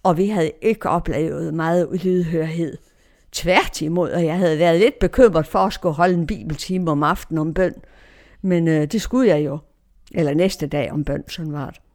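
A woman's voice: on the low side, a little mellow. A woman giving a personal faith testimony in an emotional way, her tone swinging widely.

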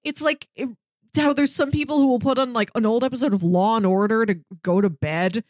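Brisk and a little high, with a darkish tone, this woman co-hosts a podcast, chatting casually and eagerly about audio dramas she recommends in a discursive, conversational review. The studio sound is clean, with no echo.

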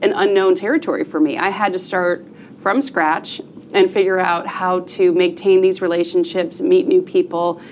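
This is a woman from New Jersey speaking as a guest on a podcast. Her voice sits fairly low, and she talks in an earnest, conversational way. A faint room ambience runs underneath. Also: level tone, normal speed, darkish tone, dull audio, slight background noise. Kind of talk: podcast interview.

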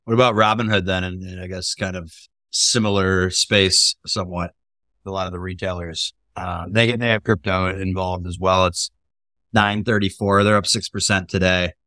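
A low-voiced man hosts a casual talk about stocks, circling through his questions with plenty of "uh" and "like." The recording is dry and close. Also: little pitch movement, normal speed, sharp tone, no echo. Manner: rambling questions, hesitant fillers. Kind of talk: casual investing discussion.

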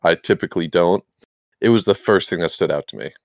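A man's voice: sits low, brisk, vocal fry, dry recording, studio quality. A man co-hosting a casual film review chat, mostly chiming in with short reactions and quips. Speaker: podcast co-host.

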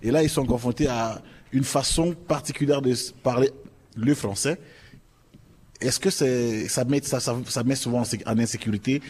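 Male moderator asking halting questions. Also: medium pitch, a little mellow, husky. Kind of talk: moderating a panel.

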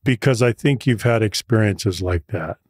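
A man's voice: fairly low pitch, moderate pace, breathy edge, no echo, clean studio sound. A man hosting an interview, asking encouraging questions and paraphrasing his guest's points. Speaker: podcast host.

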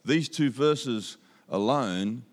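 Speaking at medium pitch and drawing out his words, an Australian man preaches as a guest in a church auditorium. He holds a handheld mic, sounds upbeat and conversational, and leans on repeated key phrases to drive his points home.

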